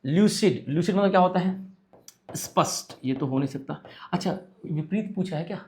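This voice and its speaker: A man with a fairly high voice gives an exam-prep English lesson in Hindi. He keeps asking the class questions and answers them himself. When he reads an English sentence aloud, he slows down and says each word carefully. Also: darkish tone. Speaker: English teacher.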